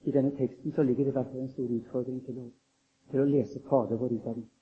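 A man's voice: mid-range voice, steady tone, slight background noise. A man preaching a sermon, reading scripture solemnly and building to emphatic, raised declarations. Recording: tinny lo-fi phone-like recording.

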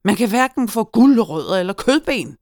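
A woman voicing a grumpy little old male farm gnome who shouts and huffs, in a storybook reading. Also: extremely low pitch, very animated, vocal fry, no echo, clean studio sound, heavily acted. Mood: furious. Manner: shouting, huffy, cantankerous.

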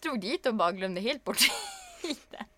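A woman in her twenties with a Norrland Swedish accent, chatting casually as a podcast co-host and acting out the people in her stories. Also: fairly high pitch. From northern Sweden. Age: 20s. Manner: lively storyteller who acts out quotes.

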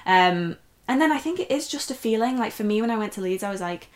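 A young British woman in easy, chatty conversation, laughing as she goes. She tells her story at length with plenty of fillers and asides. Her pitch sits in the middle of the usual range. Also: lively intonation, fast talker. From North West England. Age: young adult. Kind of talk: casual chat.

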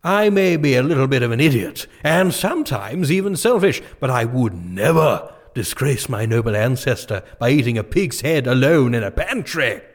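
A man's voice: mid-range voice, very animated, normal speed, hardly any pauses. An actor playing a pompous, bumbling, gluttonous medieval king in a comic drama, wordy and dithering. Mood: fond, defensive. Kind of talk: comic audio drama acting.

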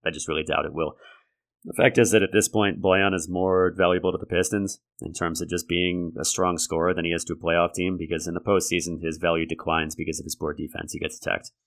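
A man hosting a sports podcast solo, talking analytically and conversationally in a gravelly voice left raspy by a lingering cold. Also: low-pitched, flat delivery, fast talker, fairly bright tone. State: raspy from a lingering respiratory infection. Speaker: podcast host. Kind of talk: sports commentary monologue.

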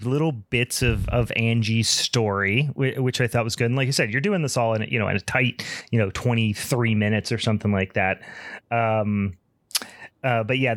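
A man's voice: mid-range voice, fairly bright tone, no echo, clean studio sound. A man co-hosting a podcast, reacting casually with restarts and asides. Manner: halting, restarts, conversational asides. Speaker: podcast co-host.

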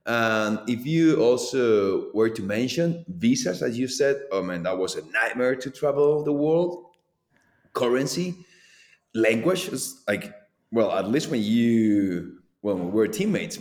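A former professional downhill mountain bike racer from Colombia, whose first language is Spanish, is a guest in a casual conversational interview. His voice is low, he's animated and laughs often, and his loose delivery is full of fillers. The recording has a roomy echo.

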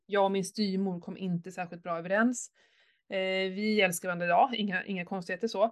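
A middle-aged woman with a medium-pitched voice chats candidly and casually, telling an emotional personal story full of swearing and animated outbursts.

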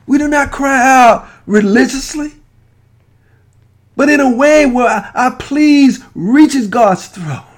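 A man preaching a sermon, impassioned and repetitive, building to shouted pleas with frequent restarts. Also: very high-pitched, slow.

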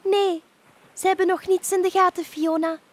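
A woman voicing a kind, eager female dolphin who comes to rescue a witch, speaking high and urgent. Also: level tone, moderate pace.

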